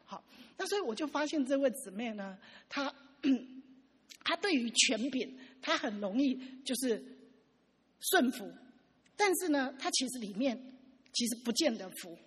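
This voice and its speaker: A woman preaching a sermon, telling stories with lively acted-out dialogue. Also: high-pitched, unhurried, pauses often, breathy edge. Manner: lively storytelling, acting out quoted dialogue. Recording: long hall reverb.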